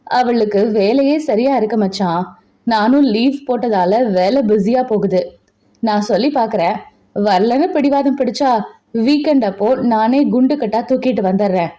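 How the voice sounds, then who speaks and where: A woman's voice: on the high side, moderate pace, warm tone, close to an everyday voice. A woman voicing a young husband in an audio novel, who coaxes his wife and then pleads with her desperately. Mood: easygoing. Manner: coaxing, then desperate and insistent. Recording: dull lo-fi recording.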